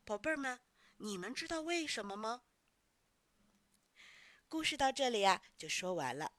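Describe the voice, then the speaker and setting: Animated woman telling a bedtime story. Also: a little high, normal speed, no echo. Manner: warm, animated, coaxing. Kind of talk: bedtime story narration for children.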